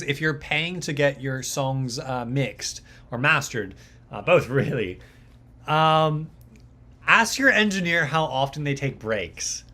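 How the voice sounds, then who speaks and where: With a medium pitch and a sharp tone, a young man hosts a live mixing stream. This mixing engineer's livestream talk is casual and rambling, peppered with fillers and repeated words.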